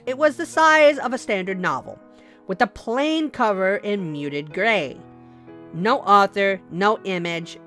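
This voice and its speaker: A woman reads a scripted horror story as its narrator, measured, letting her sentences fall away softly at the ends. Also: mid-range voice. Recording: music bed under voice. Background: music.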